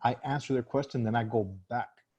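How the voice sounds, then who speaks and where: Dark-voiced man coaching casually. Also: medium pitch, fairly even intonation, a little fast, lo-fi sound. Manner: conversational, many fillers and restarts. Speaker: sales trainer. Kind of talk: casual live-stream teaching.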